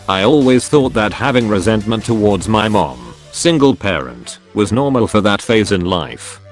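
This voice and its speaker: A man narrating forum posts as a channel host in a steady, even reading. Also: on the low side. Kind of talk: scripted narration.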